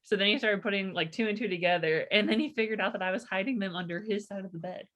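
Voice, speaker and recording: A young woman in her twenties co-hosts a casual podcast. Her voice is bright and forward, and she chats easily, laughing often as she tells her own stories. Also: medium pitch, fast. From rural United States farming community. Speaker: podcast co-host.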